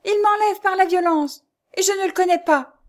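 A woman's voice: high voice, moderate pace, voice pushed up, lightly acted. A woman voicing a desperate, pleading young wife.

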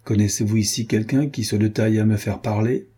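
A cowardly, boastful squire , as a male reader puts him on, swings between bluster and fear. The voice is dark and mellow with a very breathy, husky grain. It is told as a storybook reading. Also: lowish voice, steady tone, brisk. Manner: blustering, then pleading and scared.

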